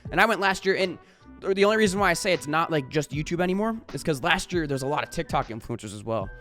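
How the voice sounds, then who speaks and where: A man's voice: on the high side, expressive, fast talker, bright, forceful tone, soft background music. A man talking to camera in a casual vlog, rambling with lots of fillers and casual swearing. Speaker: YouTuber.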